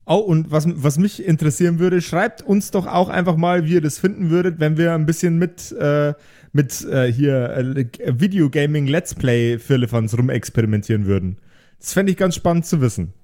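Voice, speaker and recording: A man wraps up his improvised tabletop role-playing podcast, casually joking as he reads supporter names and speaks to listeners. His fairly high voice is warm and moderately paced, captured in clean studio sound with no echo.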